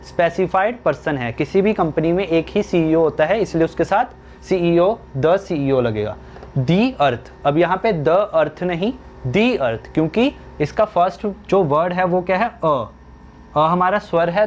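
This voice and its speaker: Man, grammar teacher, slow deliberate lesson, asks and answers his own questions, faint background hiss. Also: a little high, darkish tone. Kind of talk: slow classroom-style lesson.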